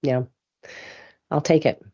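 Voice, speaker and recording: A woman hosting a casual live show, chatty and rambling, with a hoarse voice from a cough. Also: low voice, steady tone, measured pace, mellow, highs cut off. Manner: chatty, rambling, laughs easily. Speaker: host.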